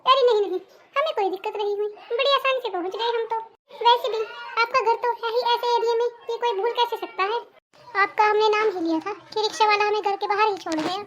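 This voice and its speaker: Woman doing a chatty cartoon mother, sarcastic, very high voice. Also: fairly even intonation, brisk.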